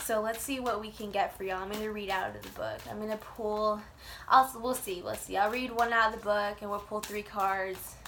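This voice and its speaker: A woman's voice: medium pitch, fairly even intonation, normal speed, background noise. A woman reading tarot in an informal, chatty way, with blunt, colloquial phrasing and frequent swearing. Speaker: tarot reader.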